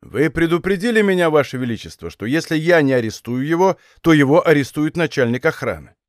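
A man voicing a calm, defiant veteran musketeer captain in an audiobook, speaking low and restrained. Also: brisk, no echo, clean studio sound, natural voice. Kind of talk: audiobook character voice.

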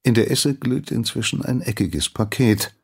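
A man narrating a scripted story in a calm, measured manner. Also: mid-range voice, vocal fry, slightly rough.

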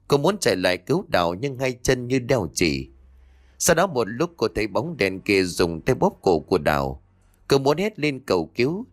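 A man narrating a scripted ghost story with expressive, varied intonation. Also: fairly low pitch.

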